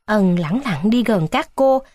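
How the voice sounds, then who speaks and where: A woman narrating a story in a steady, expressive reading. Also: medium pitch, unhurried, no room sound, studio quality.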